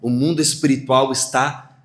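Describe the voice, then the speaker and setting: A man's voice: medium pitch, normal speed. A man preaching a sermon as pastor, acting out voices and laughing as he teaches. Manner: lively preaching with acted dialogue and laughter.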